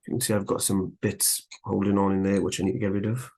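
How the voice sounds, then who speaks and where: A man gives a live woodcarving tutorial, talking casually as he carves. His voice sits low and stays fairly flat in pitch. He sounds slightly out of breath from the work. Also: fast talker, creaky, husky. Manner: relaxed, chatty, talks while working. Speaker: woodcarving instructor.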